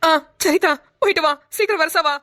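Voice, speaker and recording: A woman voicing a scolding, sharp-tongued village neighbor in a cartoon. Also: very high voice, fairly quick. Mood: concerned. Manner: scolding, rustic. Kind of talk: cartoon voice acting.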